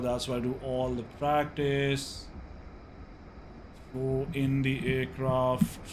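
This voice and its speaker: A man giving live flight simulator airshow commentary, narrating each move in clipped phrases as he flies. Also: medium pitch. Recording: clearly noisy background.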